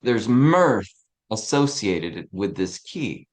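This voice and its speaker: Slow relaxed man teaching a spiritual class. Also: lowish voice. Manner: relaxed, chuckling, frequent "right?". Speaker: teacher of a tarot study group. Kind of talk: casual spiritual class talk.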